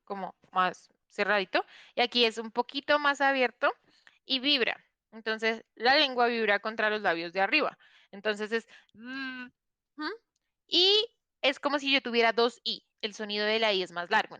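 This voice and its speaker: A woman's voice: on the high side, lively intonation, moderate pace, pushed and bright, clean tone, no room sound. A woman teaching an online English class, explaining patiently and checking in often with her students.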